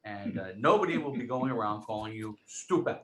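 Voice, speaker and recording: A man's voice: lowish voice, animated, fairly quick, fairly bright tone, rough recording. A man with a Rhode Island accent doing a comic routine at a virtual gala, teasing like a mock teacher and repeating his punchlines. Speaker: comedian.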